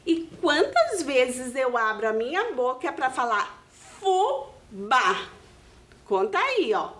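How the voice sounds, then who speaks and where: A woman's voice: high voice, big pitch swings, slow pace, fairly bright tone, reverberant. A Brazilian woman teaching a video lesson to young children, patient and sing-song as she explains. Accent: Brazilian Portuguese. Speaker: primary school teacher.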